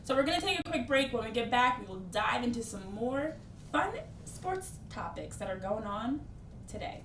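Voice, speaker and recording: A young woman hosting a casual sports talk show, playful and quick to laugh. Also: fairly high pitch, sing-song, reverberant, recorded from a distance, background noise. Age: young adult. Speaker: host.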